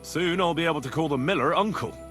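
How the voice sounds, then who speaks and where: A man's voice: fairly high pitch, fast talker, fairly bright tone, natural voice. An actor playing an earnest, plain-spoken young medieval man in a video game, with a straightforward manner. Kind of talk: video game dialogue acting. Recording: music behind the voice.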